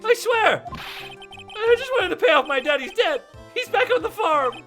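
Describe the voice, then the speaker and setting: A man's voice: extremely high pitch, very animated, unhurried, a bit bright, soft background music, exaggerated voice. A man voicing a flamboyant, vain male stage magician in a fan game voice-over, drawling and calling people sweetie. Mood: panicked. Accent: put-on Southern US when panicking. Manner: drawling, calls everyone sweetie.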